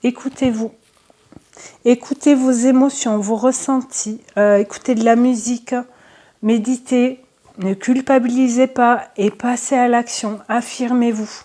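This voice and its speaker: A woman doing a casual card reading for her viewers, chatty and hesitant, with many fillers and soft asides. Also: a little high, steady tone, measured pace. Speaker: tarot and oracle card reader.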